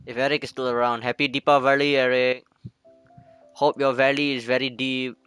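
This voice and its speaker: A man's voice: mid-range voice, flat delivery, normal speed, a bit bright, clear, resonant tone, faint music behind. A man doing casual gameplay commentary as a streamer, playfully repeating short phrases. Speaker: game streamer.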